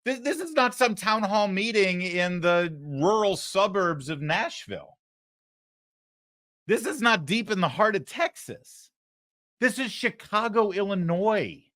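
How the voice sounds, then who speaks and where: An American man hosting political commentary, speaking emphatically, pausing for weight and posing rhetorical questions. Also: sits high, lively intonation, sharp tone.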